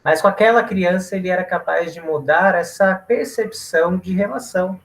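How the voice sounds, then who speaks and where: A man on a video call gives a calm, thoughtful reply and works a short story into it. His voice is a little high and has a gravelly texture. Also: normal speed, poor audio. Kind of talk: reflective reply in an online meeting.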